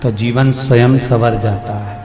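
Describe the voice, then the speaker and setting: A man giving a devotional sermon with lively storytelling, rhetorical questions and folksy jokes. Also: mid-range voice, measured pace. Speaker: katha preacher. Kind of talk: Hindi devotional sermon to a large audience. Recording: echoey reverberant hall with music behind.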